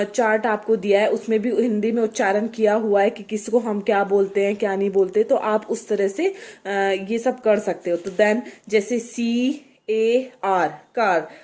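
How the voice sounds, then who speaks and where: A woman's voice: fairly high pitch, steady tone, a little mellow. Hindi-speaking woman tutor sounding out words. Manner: slow, sounding out English words letter by letter; repetitive and loose, with many fillers. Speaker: home tutor. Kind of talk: casual teaching explanation.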